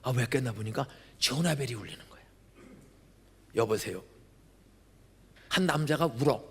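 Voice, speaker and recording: Raspy older pastor preaching in a hall. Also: male voice, medium pitch, lively intonation, normal speed. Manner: dramatic storytelling with sudden loud bursts and acted-out dialogue. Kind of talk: sermon. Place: large church sanctuary. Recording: church hall reverb.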